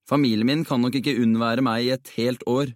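A man's voice: mid-range voice, steady tone, no room sound, studio quality, voice pushed up, lightly acted. A man voicing an upset boy footballer who is about to move abroad, in a storybook reading.

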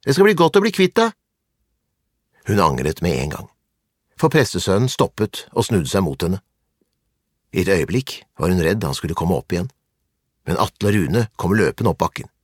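Man, storybook reader, low voice, husky, calm, measured, dry. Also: no echo. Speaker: narrator. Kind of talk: storybook reading.

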